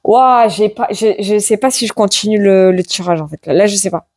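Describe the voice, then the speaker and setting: A woman reading tarot cards aloud to her viewers in a casual chat, tagging her sentences with "hein" and bursting into loud exclamations. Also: medium pitch, moderate pace, dry recording. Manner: excitable, exclaims loudly, many "hein" tags. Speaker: tarot card reader. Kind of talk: casual card-reading video.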